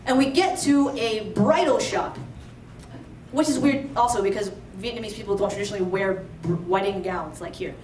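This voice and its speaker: A young woman from Alexandria, Virginia, shares a true story with a live crowd, chatting loosely and sprinkling in lots of "like" and "you know." Her voice is mid-range and slightly dark, at an ordinary pace. She stands well away from the mic in a spacious venue, with a bit of noise in the background.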